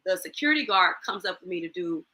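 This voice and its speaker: A woman in her forties speaking as a guest, her tone bright and forceful. She tells her own story with feeling and acts out the lines of the people in it. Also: fairly low pitch, lively intonation, fast talker, rough recording. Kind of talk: personal testimony in an online talk show.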